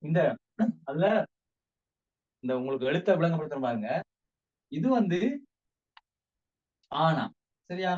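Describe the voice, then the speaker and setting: A man with a Sri Lankan Tamil accent giving a casual spoken language lesson, repeating words slowly for drill. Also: a little high, a little mellow, highs cut off. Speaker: language teacher.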